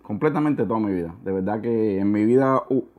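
A middle-aged man from Cuba with a Cuban Spanish accent, a guest in a casual interview, talking earnestly and often pausing to search for words. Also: fairly low pitch, narrow, tinny audio.

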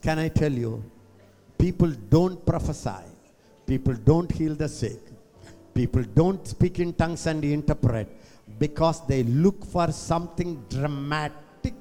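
A man's voice: fairly high pitch, unhurried, mellow. A man with a South Indian accent preaching a sermon to a congregation in a theatrical manner, repeating phrases and acting out sounds. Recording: echoey hall with music behind.

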